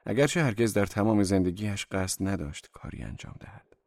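A man narrating an audiobook with an even, measured reading. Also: fairly low pitch, vocal fry, dry recording, clean studio sound.

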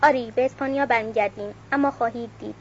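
A woman's voice: fairly high pitch, fairly even intonation, a little mellow, close to an everyday voice. A woman voicing a fiery, defiant old exiled commander while reading a novel aloud, on a dull recording with faint hiss.

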